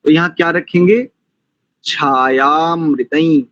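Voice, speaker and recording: A man teaching Vedic mantra pronunciation, who chants verses slowly and then corrects his students patiently. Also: on the high side, highs cut off. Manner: admonishing, didactic. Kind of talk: recitation lesson with slow mantra chanting.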